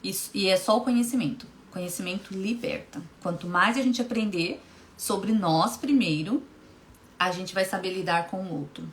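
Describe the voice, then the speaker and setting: A woman's voice: medium pitch, normal speed. A woman, a hypnotherapist hosting a live stream, talking emphatically to viewers, repeating key phrases and greeting them by name. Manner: addresses viewers directly by name. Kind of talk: casual motivational live talk.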